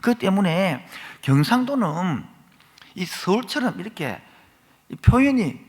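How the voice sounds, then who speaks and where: A man's voice: high voice, measured pace. A male pastor with a Gyeongsang accent, preaching a sermon and often putting questions to the congregation. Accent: Gyeongsang Korean. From Gyeongsang province, Korea. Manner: animated preaching, asks the crowd questions. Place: church sanctuary. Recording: long reverb of a church hall.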